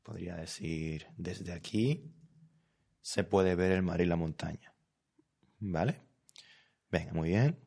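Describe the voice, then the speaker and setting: A man with a lowish voice leads a live online language lesson, explaining patiently. He talks slowly and keeps checking that his students follow along. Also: creaky, warm tone, slightly rough. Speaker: Spanish teacher.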